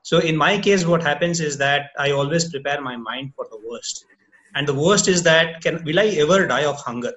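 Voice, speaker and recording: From Odisha, India, this co-founder answers interview questions reflectively, even a little philosophically, in an Indian English accent. His voice sits on the high side at a normal speed, slightly bright, with the top frequencies cut off.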